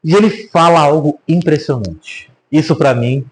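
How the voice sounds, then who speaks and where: A man's voice: a little high, normal speed, poor audio. A man with a Brazilian Portuguese accent teaching the Bible in a casual preaching style, joking and putting rhetorical questions to his audience. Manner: lively, asks the audience rhetorical questions, jokes.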